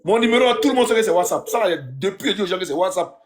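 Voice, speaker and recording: This is a man with an Ivorian French accent hosting a casual live stream. His voice sits a bit high, and he teases callers and says the same thing over and over. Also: expressive, quick pace. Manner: teasing, repeats himself. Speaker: livestream host.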